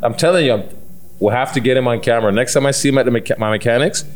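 A man's voice: mid-range voice, rapid-fire. A man with an urban Toronto accent telling stories casually, in emphatic, repetitive slang. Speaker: podcast co-host. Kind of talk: casual animated storytelling.

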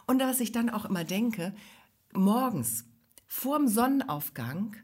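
A woman's voice: on the high side, lively intonation, slow pace, a little mellow, husky. A woman co-hosting a casual podcast, telling a rambling, self-mocking comic story. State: recovering from illness. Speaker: podcast co-host. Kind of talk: casual comedic chat.

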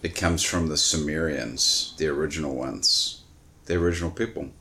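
Casting: low-pitched male co-host, dry, teasing, questioning. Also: normal speed, gravelly, pushed and bright. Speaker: podcast co-host. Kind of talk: casual chat.

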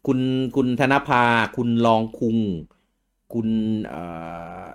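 A Thai man hosting a casual livestream, reading out viewer names and stumbling over the hard ones. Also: slow pace. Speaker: livestream host.

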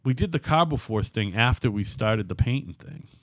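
A man's voice: medium pitch, lively intonation, normal speed, dry recording. A man around fifty co-hosting a podcast in casual chat, laid-back and profane. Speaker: podcast co-host.

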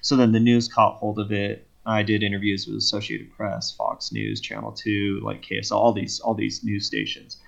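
A low-pitched man with a gravelly, creaky voice tells a long story as a guest, in a loose conversational way. He acts out the back-and-forth of each exchange as he goes. The recording sounds dull and lo-fi. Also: moderate pace, hardly any pauses. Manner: animated retelling that acts out both sides of conversations. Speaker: podcast guest. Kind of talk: casual storytelling.

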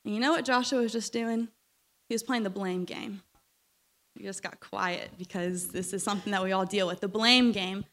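A young woman preaching a sermon, animated and storytelling, with a voice still recovering from being lost. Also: mid-range voice, normal speed. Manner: animated, storytelling, laughs when uncomfortable.

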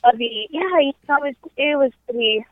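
A woman's voice: a little high, fairly quick, no echo. Young woman on a tinny conference call. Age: 20s. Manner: upbeat and candid. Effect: heard over a conference call phone line. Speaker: podcast guest. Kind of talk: casual interview talk. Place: at her parents' house. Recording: tinny phone line, dry.

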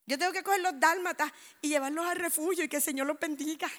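A woman preaching a sermon, telling lively anecdotes and acting out the dialogue. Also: high-pitched, quick pace. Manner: animated storytelling, acts out dialogue. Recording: echoey hall.

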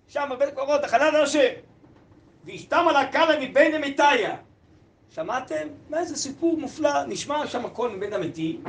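A man's voice: very high voice, a bit bright, echoey room. A man teaching a text-study lesson, reading old sources, translating them aloud and putting questions to the class.

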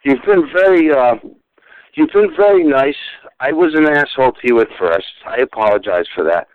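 A man's voice: medium pitch, lively intonation, moderate pace. A man in his forties in a heated phone argument, furious, swearing and repeating himself over and over. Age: 40s. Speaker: call recipient. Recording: tinny phone line.

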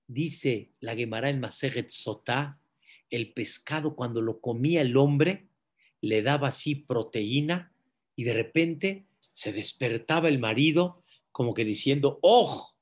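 A rabbi preaching, telling stories and quizzing the audience with questions. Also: male voice, medium pitch, slightly rough. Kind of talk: sermon.

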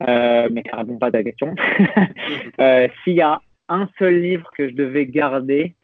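A young adult man, a French native speaker, appears as a podcast guest in a casual conversational interview, talking reflectively and hesitantly with many restarts. His voice is medium-pitched and unhurried, and the recording is dry and narrow like a phone, with no room sound.

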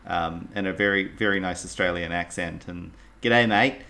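A man in relaxed conversation, recounting film scenes with trailing phrases. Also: deep voice, moderate pace, gravelly. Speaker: podcast co-host discussing a film. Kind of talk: casual film discussion.

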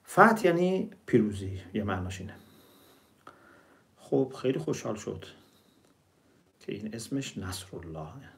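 A man's voice: lowish voice, very animated, vocal fry, fairly bright tone. Man preaching and explaining scripture. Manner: explains word meanings, recites verses slowly. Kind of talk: religious storytelling sermon.

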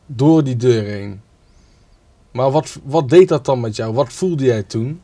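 A man's voice: mid-range voice, slow pace, mellow. Man probing with interview questions. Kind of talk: conversational interview.

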